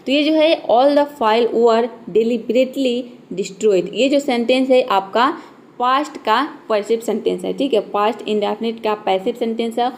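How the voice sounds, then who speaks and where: A woman's voice: a little high, darkish tone. A young woman, patiently explaining English words to viewers in a recorded lesson, spelling them out and repeating herself often. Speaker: English teacher.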